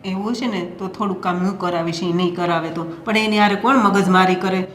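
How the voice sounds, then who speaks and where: A woman's voice: medium pitch, steady tone, fairly quick, a bit bright, soft background music, lightly acted. A middle-aged woman playing a weary mother-in-law who reasons and soothes between two daughters-in-law. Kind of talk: family drama acting. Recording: echoey room.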